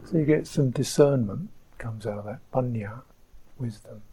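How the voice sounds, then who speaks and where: Man, meditation teacher, dharma talk, breathy voice, warm dark tone, unhurried pauses. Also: medium pitch, poor audio. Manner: slow, reflective, soft-spoken with pauses. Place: retreat centre hall.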